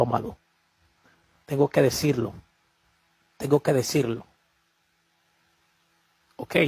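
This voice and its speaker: A man's voice: on the high side, creaky, darkish tone, slightly rough, dry recording. A man giving a personal religious testimony to camera, emphatic and repetitive, often addressing the listener as beloved. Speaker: preacher sharing a vision.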